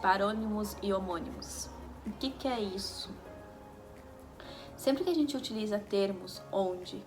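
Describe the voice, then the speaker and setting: A woman's voice: mid-range voice, creaky. A woman teaching a lesson, explaining step by step and checking in with the viewers as she goes. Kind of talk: video lesson. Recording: music bed under the voice.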